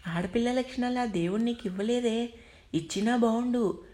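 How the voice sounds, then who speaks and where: A short-tempered young man who bosses and scolds in clipped phrases, read by a woman narrator. Her voice stays a little high and close to her own. It sounds like a spoken storybook. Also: moderate pace, dark tone, natural voice. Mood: irritated.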